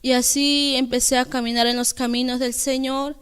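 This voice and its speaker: A young woman giving an earnest, halting personal testimony at church, with many restarts. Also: high-pitched, level tone, a bit bright, clean tone. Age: young adult.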